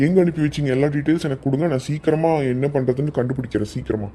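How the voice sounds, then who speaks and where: Cartoon cop uncle, man doing him, calm, reassuring, take-charge, fast talker. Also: mid-range voice, slight background noise, close to an everyday voice. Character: calm helpful police uncle, young man.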